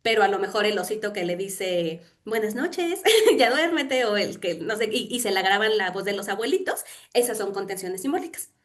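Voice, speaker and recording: A woman's voice: medium pitch, a little fast. A middle-aged woman, a therapist answering questions in a live session, talking conversationally with many tag questions and fillers. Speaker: therapist and teacher. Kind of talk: live Q&A explanation.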